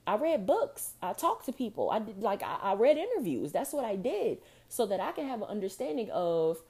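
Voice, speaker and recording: A woman's voice: medium pitch, darkish tone. A young woman hosting her own podcast, venting frustrations in a passionate, profane monologue that runs emotional and close to tears. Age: young adult. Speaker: podcast host.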